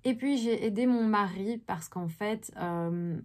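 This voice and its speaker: A woman's voice: mid-range voice, slow pace. A woman in her thirties from Belgium, an actress chatting casually about her day in a vlog, with many fillers. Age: 30s. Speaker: actress vlogger.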